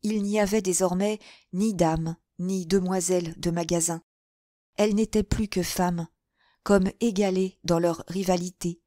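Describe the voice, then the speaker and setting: A woman reading a classic novel aloud as an audiobook, in a measured, literary narration. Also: lowish voice, warm tone, no room sound, studio quality. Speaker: audiobook reader.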